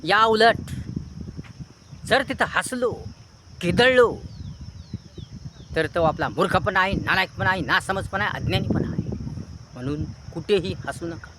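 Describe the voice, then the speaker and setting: A man with a fairly high voice delivers an earnest moral lecture. He piles up near-synonyms in long repetitive chains. Clear outdoor noise from a rural setting runs under his voice. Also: measured pace, pauses often. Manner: earnest, preachy. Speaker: motivational speaker. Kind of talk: moral advice monologue.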